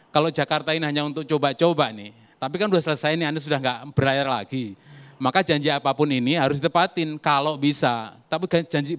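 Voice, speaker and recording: Brief: male political pundit, rapid argumentative delivery. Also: on the high side. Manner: emphatic, lively argumentative. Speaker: political commentator guest. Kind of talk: talk show political debate.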